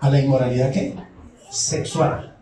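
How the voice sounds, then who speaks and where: A male pastor delivers a call-and-response sermon in a high voice. He keeps asking the congregation short questions and answers them himself. He sounds distant from the microphone, and the church around him rings with heavy echo and faint room noise. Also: lively intonation, normal speed. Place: church sanctuary. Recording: echoey church hall from far off.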